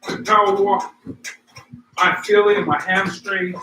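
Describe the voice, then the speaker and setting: A man's voice: high voice, flat delivery, measured pace, pushed and bright, faint music behind. A man chatting casually and motivationally to viewers while running and power walking during a workout. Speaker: host of a running workout vlog. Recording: roomy, distant mic, faint noise.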